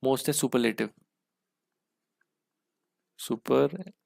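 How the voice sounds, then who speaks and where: A man's voice: medium pitch, very slow, creaky, a little mellow, no room sound, studio quality. A man teaching an exam-prep English grammar lesson, explaining step by step and asking "ठीक है?" again and again.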